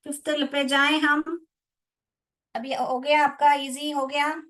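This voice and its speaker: A woman's voice: sits high, level tone, slow pace, a bit bright. A woman teaching English in an online class, explaining in Hindi with an Indian accent, spelling words out and calling students beta.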